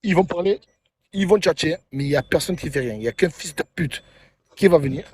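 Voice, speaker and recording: A man's voice: a little high, expressive, brisk, darkish tone, husky. A man hosting a phone livestream, joking in crude, slangy, boastful banter. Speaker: livestream host.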